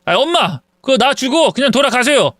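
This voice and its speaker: A man's voice: extremely high pitch, big pitch swings, brisk, fairly bright tone, no echo, studio quality, pitched above the performer's own voice, heavily acted. A man voicing an irritated grown son who answers his mother with curt, impatient retorts in a story reading.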